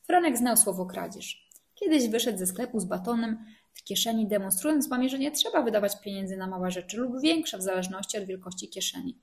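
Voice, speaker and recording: A woman reads a children's story aloud in a gentle, expressive storytelling voice. Her pitch sits in the middle range, and her delivery is clear and unhurried. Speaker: narrator.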